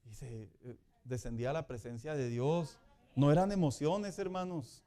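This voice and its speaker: A middle-aged pastor gives a Sunday school sermon. He talks to his listeners as brothers and sisters and jokes as he goes. His voice sits high for a man. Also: moderate pace. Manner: lively, joking preacher addressing "hermanos".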